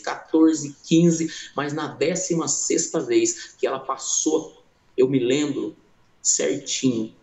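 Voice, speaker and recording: A man's voice: fairly high pitch, vocal fry, darkish tone, echoey room. A man preaching a testimony sermon in a church, telling his story dramatically and acting out the people in it while addressing the listeners as brothers.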